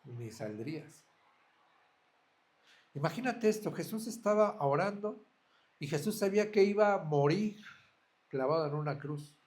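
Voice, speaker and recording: A man's voice: a little high, animated, measured pace, pauses often, darkish tone. A man preaching a sermon as a pastor, earnest, asking his listeners direct questions.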